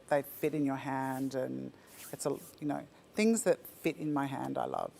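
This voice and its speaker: A woman's voice: rumbling low, gravelly, slight background noise. An Australian woman who founded a ceramics company, chatting enthusiastically in an interview with frequent restarts. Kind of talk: casual interview chat. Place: virtual talk, faint room ambience.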